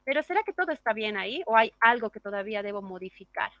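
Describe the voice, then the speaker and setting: A woman teaching English grammar in a bright, slightly high voice, walking her students through each step. She keeps checking in with tag questions. The sound is close and dry. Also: sing-song, fast, dry recording, muffled recording. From Bolivia. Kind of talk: classroom grammar lesson.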